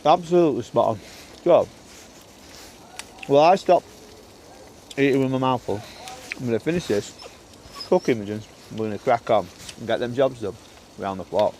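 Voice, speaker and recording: A man talks through his allotment jobs in a loose, rambling vlog style, at a middling pitch and full of fillers. He is recorded outdoors on his plot and in a greenhouse, with faint noise behind him. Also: moderate pace, long pauses, mellow. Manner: chatty and rambling, with filler words. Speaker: allotment vlogger. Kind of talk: casual vlog chat.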